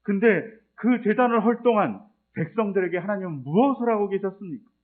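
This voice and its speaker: A man's voice: sits high, expressive, fairly quick, pitched above the performer's own voice. A man preaching voices a worn-out, indignant male prophet who demands answers from God, pleading and accusing, over a tinny phone-like line.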